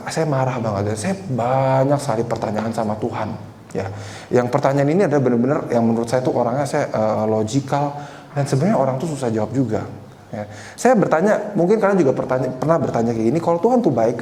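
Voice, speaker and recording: A man in his twenties preaches a conversational sermon in a mellow, medium-pitched voice, animated and a little fast. He tells a personal story and often turns to address the congregation, recorded in an echoey church hall with faint noise.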